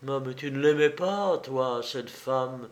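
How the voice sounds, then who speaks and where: A man voicing a timid, heartbroken young man who talks softly and slowly, in a storybook reading. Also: mid-range voice, natural voice. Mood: sorrowful.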